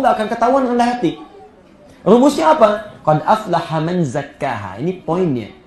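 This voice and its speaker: Indonesian male preacher, echoey hall. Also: high voice. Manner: animated storytelling with rising emphatic peaks; quotes Arabic verses slowly. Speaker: Islamic preacher. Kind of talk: sermon.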